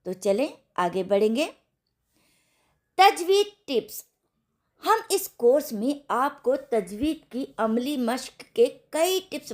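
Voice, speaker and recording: A woman teaching tajweed in an online lesson, explaining patiently, checking in with her students and sounding out syllables slowly for practice. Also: fairly high pitch. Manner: slow, patient teaching with repeated check-ins. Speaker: Quran recitation teacher.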